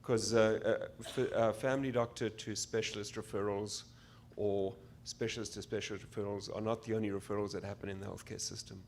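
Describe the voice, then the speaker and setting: Low-voiced hesitant doctor. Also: male voice, little pitch movement, a little fast, hardly any pauses, a little hiss or hum. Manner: hesitant, with fillers and repeats. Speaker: physician delegate. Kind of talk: assembly floor speech.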